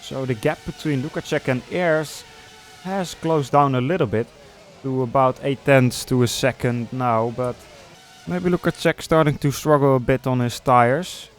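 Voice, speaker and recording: A man giving live motorsport commentary on sim racing, conversational and hesitant between bursts of excited calls. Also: mid-range voice, measured pace.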